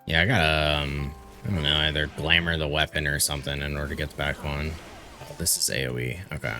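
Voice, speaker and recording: A man's voice: very deep voice, little pitch movement, quick pace, sharp tone, faint music behind. A man streaming a game, chatting casually and swearing offhandedly. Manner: laid-back, swears casually. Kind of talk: casual chat while gaming.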